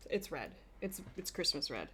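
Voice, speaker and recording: A woman's voice: deep voice, sing-song, normal speed, sharp tone, slight background noise. A woman hosting a craft vlog, chatting eagerly and gushing as she shows a haul, often restarting her sentences. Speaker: flosstube host. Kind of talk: casual chat showing a haul.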